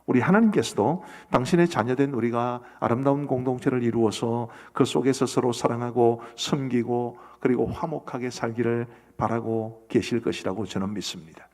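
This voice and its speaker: Middle-aged male pastor, gravelly mid-range voice, earnest questioning sermon, long church reverb. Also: mid-range voice, steady tone, moderate pace, hardly any pauses, a little mellow. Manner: earnest, asks the congregation questions. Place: church sanctuary.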